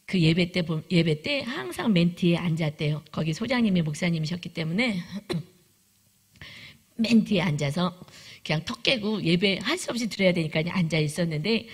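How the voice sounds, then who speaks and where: A woman's voice: fairly low pitch, breathy edge. A woman preaching a sermon testimony, telling a story vividly and acting out the prayers and voices she quotes. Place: church sanctuary.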